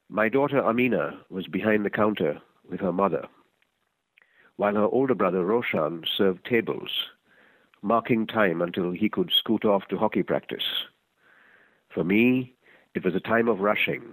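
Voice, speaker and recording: A man reading a first-person short story aloud in a measured, reflective way. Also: on the low side, dry recording, low-quality recording. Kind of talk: scripted story narration.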